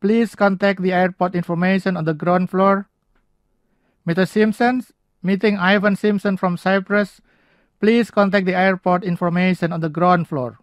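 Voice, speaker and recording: A man's voice: sits high, fairly even intonation, moderate pace, no room sound, studio quality, lightly acted. A man playing a formal airport announcer reading scripted paging announcements.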